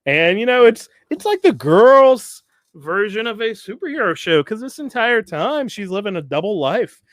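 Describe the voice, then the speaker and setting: A man's voice: normal speed, no room sound, clean studio sound. A young man hosting a podcast, casually recapping TV episodes, laughing often and acting out characters' lines. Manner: animated, acts out characters' lines with jumps in pitch and loudness. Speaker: podcast host.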